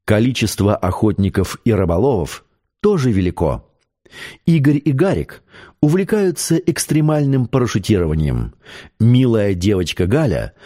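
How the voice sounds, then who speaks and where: In a measured, expressive storytelling manner, a man with a lowish voice narrates an audiobook from a script.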